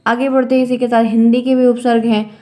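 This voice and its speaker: A woman's voice: fairly high pitch, little pitch movement, fast, mellow. A woman teaching an exam revision class, explaining grammar terms step by step, often repeating key words and checking in with her students as friends.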